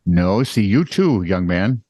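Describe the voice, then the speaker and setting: A man co-hosting a comedic news podcast, reading headlines with teasing, deadpan quips. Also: low-pitched, slow pace, no echo. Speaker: co-host.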